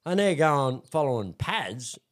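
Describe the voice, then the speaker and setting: A man with an Australian accent tells stories at an easy, ordinary pitch, wandering through his memories with plenty of fillers and restarts. He talks loosely and chattily, like someone sitting down for a casual chat. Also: big pitch swings, unhurried. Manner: rambling, full of fillers and restarts. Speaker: interview guest. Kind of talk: casual storytelling.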